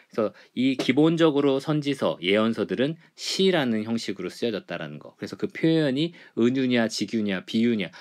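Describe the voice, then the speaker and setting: A middle-aged man lecturing a church Bible class, explaining point by point with frequent fillers. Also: medium pitch. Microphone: writes on a board while teaching.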